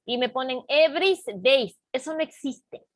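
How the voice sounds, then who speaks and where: A woman teacher walks her class through grammar at an unhurried pace. Her voice sits a little high. She keeps checking that everyone follows, and the recording is dry and close. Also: dry recording. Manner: slow, patient explaining with frequent check-ins. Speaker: English teacher. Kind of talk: online class lesson.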